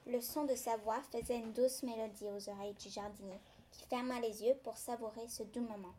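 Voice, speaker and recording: A woman narrates a children's story gently and evenly. Her voice sits a little high, with faint room ambience behind it. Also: fairly even intonation, fairly quick, a little hiss or hum. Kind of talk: storybook reading.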